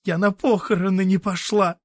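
A man voicing a desperate, furious woman with a shrill, pleading, shouting delivery. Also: steady tone, moderate pace, no echo, clean studio sound. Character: desperate, furious woman seeking forbidden knowledge. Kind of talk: audiobook character voicing.

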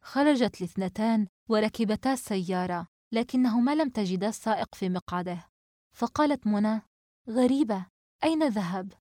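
A woman narrating a novel as an audiobook, in a steady, even storytelling manner. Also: mid-range voice, brisk, no echo, clean studio sound.

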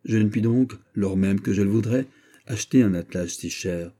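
A man voicing a polite, reserved young king who speaks in a courteous, measured way. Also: on the low side, warm tone, close to an everyday voice.

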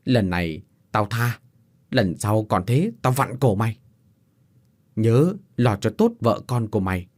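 A gruff old father's ghost speaks slowly and harshly in a dream, scolding his grown son with old sayings. A man puts him on while narrating a ghost story, with a husky voice that dips and climbs a lot. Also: lowish voice, expressive, a little mellow. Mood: stern scolding. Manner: harsh, scolding, slow proverbs.

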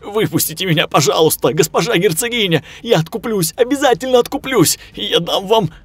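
Man playing a whiny shrill coward begging, squeaky high, super jumpy pitch. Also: expressive, brisk, slightly rough, dry recording. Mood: pleading. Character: cowardly, whining chained adult man.

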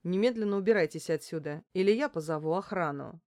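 A woman puts on a slick young gigolo caught out, hostile and loud in his threats. The voice sits low for her and the sound is dry and close, like a storybook read at the mic. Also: fast, no room sound, natural voice.

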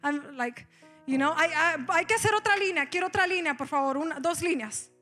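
Woman pastor, animated sermon delivery, code-switches, high-pitched. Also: normal speed, faint music behind. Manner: animated, switches into English, directs the congregation.

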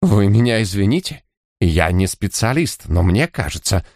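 A man's voice: lowish voice, sing-song, normal speed, darkish tone, no echo, clean studio sound. A man reading an audiobook voices a bitter, indignant suspect who complains in a peevish, thin voice. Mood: angry, indignant.

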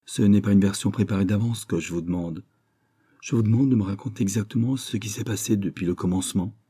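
A man's voice: fairly low pitch, a little fast, dark tone, breathy edge. A male reader voicing Gertie, an earnest, kindhearted young woman who worries and stumbles over her words. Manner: earnest, flustered.

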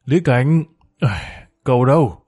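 A man's voice: medium pitch, animated, slow, a little mellow, husky. A man voicing a drunk, self-pitying male doctor who slurs and blubbers, read in a storybook. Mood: drunkenly cheerful. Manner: slurred, blubbering, pleading.

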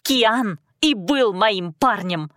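A woman's voice: very animated, normal speed, fairly bright tone, no room sound, studio quality. A woman voicing a frightened captive young woman who whines and sobs yet talks back defiantly. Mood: tearful. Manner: shrill, whining and sobbing.

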